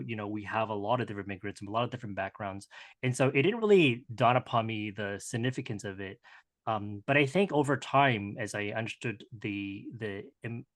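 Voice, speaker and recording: Halting, conversational man in his thirties. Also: mid-range voice. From Hong Kong, raised in Canada. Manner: conversational, halting with many restarts and fillers. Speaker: guest entrepreneur. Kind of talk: casual interview answers.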